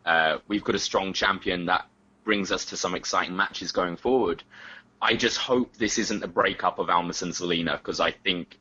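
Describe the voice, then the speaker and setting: A man with a deep, raspy voice and a sharp, forward edge chats casually as a wrestling co-host. He offers a fan's opinions a little haltingly, over dull lo-fi audio. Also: fairly even intonation. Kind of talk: casual chat.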